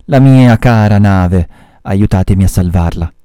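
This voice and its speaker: A man's voice: on the low side, measured pace, smooth, dry recording, clean studio sound, natural voice. A man reading the part of an obsessed, vengeful old sea captain in a read-aloud story, calling out orders and cursing. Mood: urgent. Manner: shouting commands, grieving and defiant.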